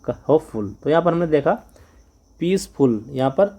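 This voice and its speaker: A man's voice: a little high, animated, normal speed, warm tone. A man with an Indian accent, a Hindi-speaking teacher explaining a lesson step by step and spelling words out letter by letter.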